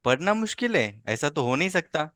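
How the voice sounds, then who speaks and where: A man's voice: fairly high pitch, very animated, brisk, fairly bright tone, dry recording, clean studio sound. A man teaching a child over a video call, patient and coaxing, checking in often with little tag questions. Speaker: language teacher. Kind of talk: online tutoring lesson.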